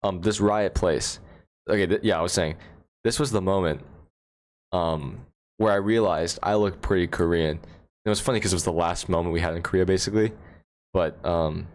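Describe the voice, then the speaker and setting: An American livestream host chats casually from indoors on a phone, rambling, laughing often and answering questions from chat. His voice is low-pitched at a normal speed.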